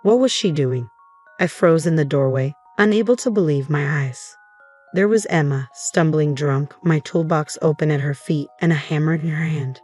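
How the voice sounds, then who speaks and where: Young adult woman narrator, low voice, steady dramatic storytelling over faint music. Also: normal speed. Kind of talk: scripted first-person story narration. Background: faint background music.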